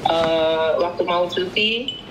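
A woman's voice: fairly low pitch, slow. A woman in her forties telling her story in a casual interview, rambling and often acting out the voices of others. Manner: meandering, acts out quoted voices, repeats "Miss". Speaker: interview guest, former domestic worker. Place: small home room. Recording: roomy, dull, noisy room recording.

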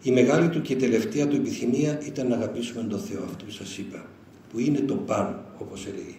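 An older man, a monastic elder giving an informal, animated spiritual talk, telling stories with chuckles. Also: mid-range voice. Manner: conversational, animated storytelling with chuckles. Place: lecture hall. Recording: roomy hall sound with faint noise.

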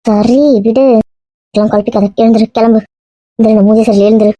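A woman playing a quick, soothing young friend. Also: fairly high pitch, little pitch movement, mellow, dry recording, close to an everyday voice. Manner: soothing, coaxing. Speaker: actor. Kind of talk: web series drama acting.

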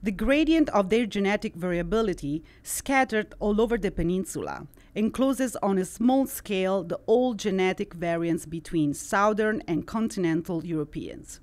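A woman's voice: medium pitch, expressive, moderate pace, few pauses, darkish tone. Italian-accented woman reading a podcast intro. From central Italy. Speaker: host. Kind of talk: scripted podcast introduction, read from a tablet. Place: studio with wood-slat wall. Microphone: boom-arm studio mic.

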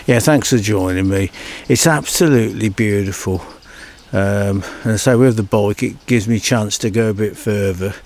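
Riding a canal towpath with a cabled mic, an older English vlogger chats casually to the camera, forever saying "folks" and "follow me." He speaks at normal speed in a fairly low, slightly mellow voice.

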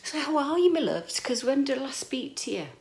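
A woman's voice: high voice, big pitch swings, fairly quick, creaky, a little mellow. A middle-aged British woman vlogging casually from an echoey room, rambling and playful. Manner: rambling, playful, mildly sweary. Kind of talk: casual chatty vlog to camera. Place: small echoey bedroom at home, indoors. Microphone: handheld camera at arm's length.

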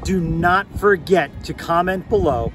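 A man's voice: high voice, unhurried, music in the background, rough recording. A man in his forties hosting a casual travel review vlog, talking to a phone camera at arm's length outside, with upbeat, emphatic verdicts. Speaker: vlog host. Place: outdoors in a parking lot. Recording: outdoor noise.

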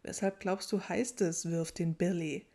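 A woman's voice: fairly low pitch, steady tone, unhurried, dark tone. A woman voicing a casual, chatty young wizard who explains eagerly and gets a bit baffled. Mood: explaining, puzzled.

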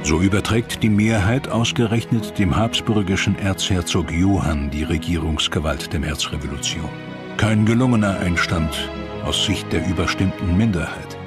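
Music plays clearly under the scripted narration of this historical documentary, read at normal speed by a man with a deep voice.

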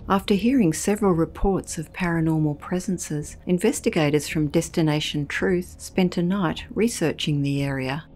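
A woman with a notably low voice tells a scripted documentary story. Her delivery is measured and ominous, paced like a spooky narration. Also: darkish tone.

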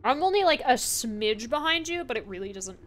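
A woman's voice: on the high side, expressive, fairly quick, crowd noise. A woman streaming a video game from a room at home, chatting casually and laughing easily. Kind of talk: casual gaming stream chat. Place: home room with open window.

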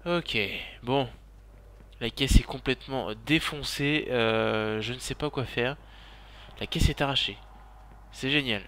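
Here the YouTuber speaks in a mid-range voice at a measured pace with long pauses, yet his in-character driving-game commentary remains frantic, profane and repetitive. Game car engines and police sirens sound loudly in the background.

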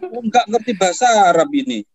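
A man's voice: high voice, sing-song, quick pace, a crowd in the background. A man arguing in a heated debate, lecturing and dismissive. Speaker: Islamic cleric in debate.

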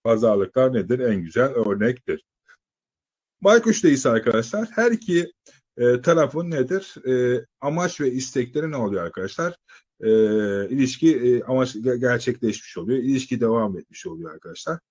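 A man lecturing exam candidates in a slightly husky voice. He talks in a loose, conversational way, firing rhetorical questions at the class and stretching out filler sounds while he thinks. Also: medium pitch, big pitch swings, normal speed, a little mellow, lo-fi sound. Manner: asks students rhetorical questions, many "e" fillers. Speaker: exam-prep teacher. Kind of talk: live lecture to students.

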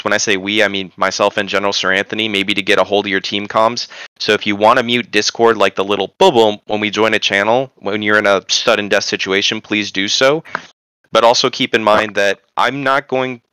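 A man's voice: lowish voice, sharp tone, clean tone, no echo. A man giving an informal pre-game briefing as a tournament organizer, emphatic and often checking that he is understood. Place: indoors, online group voice chat.

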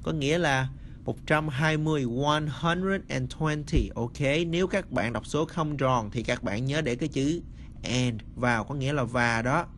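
Slow, bright-voiced male English teacher. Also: medium pitch, a little hiss or hum. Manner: slow, repeats words, addresses viewers as friends. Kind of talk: casual spoken lesson.

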